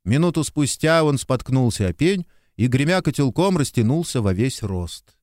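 A male narrator reads classic prose aloud in an expressive, measured way. His pitch moves with animation. The recording is dry and intimate. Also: dry recording. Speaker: audiobook narrator. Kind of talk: literary audiobook narration.

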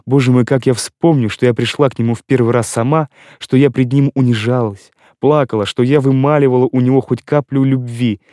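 A man's voice: medium pitch, steady tone, fairly quick, hardly any pauses, warm tone, no echo, clean studio sound, natural voice. A man reading an audiobook voices a heartbroken young girl who pleads and protests through tears. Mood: distraught pleading. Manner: distraught, breathless pleading.

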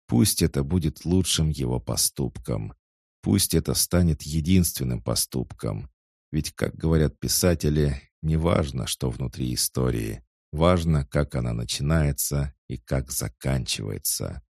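A man reading a dark action story aloud as dramatic narration, slow and intense, rising to shouts for the characters' lines. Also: a bass voice, vocal fry, no echo, clean studio sound.

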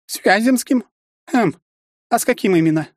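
A man's voice: high voice, lively intonation, moderate pace, no room sound, studio quality, voice pushed up. A man putting on a haughty old aristocratic lady. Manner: haughty, condescending. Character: haughty thin aristocratic mother, older woman.

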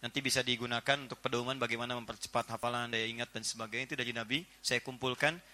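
A man giving a lively sermon as a preacher, joking and acting out small household scenes. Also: medium pitch, racing. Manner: animated, jokey, acts out little household scenes. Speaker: Islamic preacher. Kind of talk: lively sermon to a live audience.

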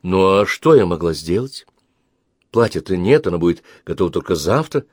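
A man's voice: sits low, very animated, normal speed, a little mellow, no echo, clean studio sound. A man reading aloud and voicing an indignant young mother who scolds her husband. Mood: exasperated. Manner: exasperated, scolding.

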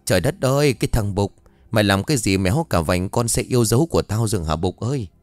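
A man's voice: fairly low pitch, expressive, fast, darkish tone, no room sound, soft background music, natural voice. A man voicing a gleeful, brash old male village drunkard in an audio story, crowing and bossy. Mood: shrill dismay.

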